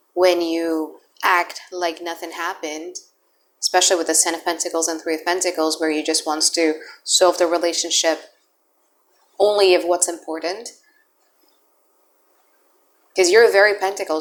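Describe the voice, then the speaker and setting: A tarot reader whose first language is Indonesian speaks to camera in a deep voice, with a slight hiss or hum in the background. Her casual reading is chatty and blunt, and she thinks aloud while turning the cards.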